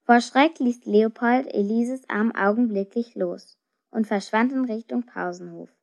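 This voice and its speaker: A woman telling a story in a lively, expressive storybook reading. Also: a little high, measured pace, gravelly. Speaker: narrator. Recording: dull lo-fi recording.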